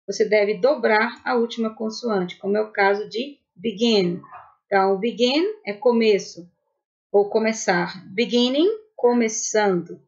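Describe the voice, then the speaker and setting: A woman's voice: medium pitch, measured pace, dull audio. A woman teaching an online English grammar lesson with a Brazilian Portuguese accent, patiently checking in with her students.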